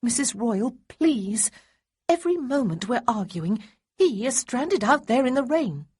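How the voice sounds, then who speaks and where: A woman's voice: on the high side, big pitch swings, unhurried, a little mellow, breathy edge, pitched above the performer's own voice, exaggerated voice. A woman voicing a breathless young lady who urgently pleads with the people around her. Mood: pleading. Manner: pleading, insistent.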